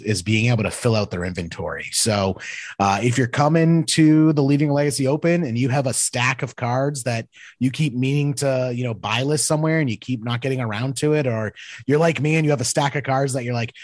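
A man's voice: medium pitch, fairly quick, darkish tone, dry recording, clean studio sound. Laid-back man co-hosting a podcast. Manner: laid-back, laughs often, lots of fillers. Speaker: podcast co-host. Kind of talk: casual chat.

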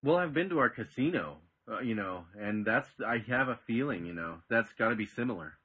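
A man co-hosting a casual comedic podcast, cracking sarcastic, deadpan jokes. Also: mid-range voice, brisk, breathy edge, narrow, tinny audio. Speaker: podcast co-host.

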